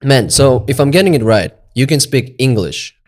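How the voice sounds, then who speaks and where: A man's voice: mid-range voice, lively intonation, moderate pace. A man hosting a podcast, asking questions and chatting casually with his guest in an upbeat, friendly way. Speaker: podcast host. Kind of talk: casual interview chat.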